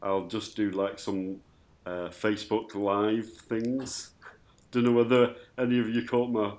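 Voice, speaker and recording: A man hosting a casual live radio show, speaking haltingly and often trailing off mid-phrase. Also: on the low side, little pitch movement, darkish tone.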